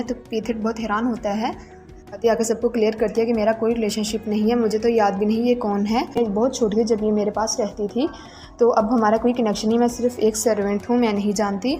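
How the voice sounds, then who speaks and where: A fairly high, mellow woman's voice recounting a drama episode. She delivers every character's lines in the same level, flat tone. Faint music plays underneath. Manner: reads every character's lines herself in a plain voice. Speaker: drama recap narrator. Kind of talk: plot recap narration.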